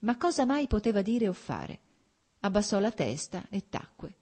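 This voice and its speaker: A woman narrating a novel aloud in a measured, expressive literary reading. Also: medium pitch. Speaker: audiobook narrator. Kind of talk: scripted narration.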